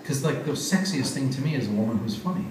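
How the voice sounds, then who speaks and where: A man on a bar stage telling a joke to a live audience, chatty and animated, acting out each character's voice. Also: medium pitch, fast talker, noisy background. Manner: animated, conversational, acts out each voice. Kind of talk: live stand-up storytelling. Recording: echoey bar from a distance, faint crowd. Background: faint bar ambience.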